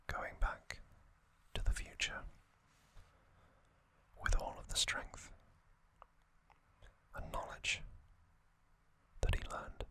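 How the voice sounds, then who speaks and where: Gentle and breathy, a man's ASMR whisper narrates the video he hosts. He keeps his phrases short and lets long pauses hang between them.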